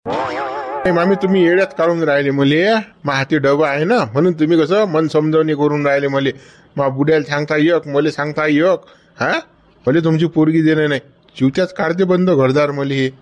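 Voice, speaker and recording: A man plays a hot-headed young farmer from a village. His voice sits a little high, and his words come loud, fast and quarrelsome. He keeps pushing with a challenging "huh?". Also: steady tone, close to an everyday voice. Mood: aggrieved. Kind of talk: village comedy skit.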